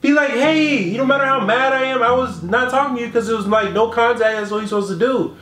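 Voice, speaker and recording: A man's voice: very high voice, fast, a bit bright. A young man in an emotional, confrontational conversation, picked up by a distant camera microphone in a bedroom. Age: young adult. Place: small bedroom, indoors. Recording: roomy echo from distant camera.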